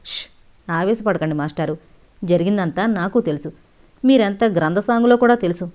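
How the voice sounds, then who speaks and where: A woman's voice: mid-range voice, moderate pace, darkish tone, natural voice. A woman voicing a grave male doctor who speaks firmly and sternly, in an audio novel. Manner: grave, firm. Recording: dull lo-fi audio.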